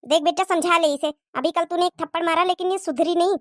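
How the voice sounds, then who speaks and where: Bossy cartoon mother-in-law , played by a woman, nagging and taunting. Lower than the performer's own high voice, dry recording. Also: fairly even intonation, quick pace, no room sound. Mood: scolding.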